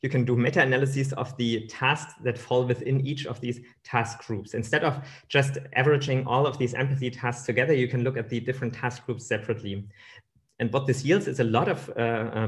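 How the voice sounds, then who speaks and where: A man's voice: mid-range voice, a little fast. A man in his thirties giving a keynote lecture over slides from a room on a webcam, with many fillers and restarts. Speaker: keynote speaker.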